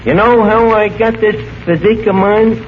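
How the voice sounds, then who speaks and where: A man's voice: sits high, steady tone, normal speed, lo-fi sound, a little hiss or hum. An actor playing a brash, blundering male tavern manager who mangles fancy words, in 1940s radio comedy style, heard through an old AM radio broadcast. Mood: chummy. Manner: folksy, bluffing, fumbles with uh. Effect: old AM radio broadcast sound.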